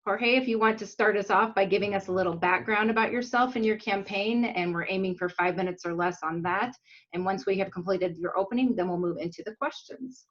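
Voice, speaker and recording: A woman's voice: mid-range voice, brisk, muffled recording. A woman moderating a video call meeting with a scripted, formal welcome. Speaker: interview moderator.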